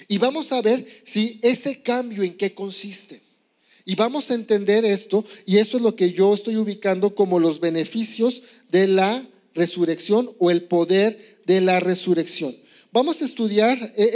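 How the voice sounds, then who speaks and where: A man's voice: high-pitched, darkish tone. A man preaching a sermon as pastor, teaching step by step with examples and often asking "¿sí?". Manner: teaching, asks "¿sí?" after points; explains with examples, some hesitation.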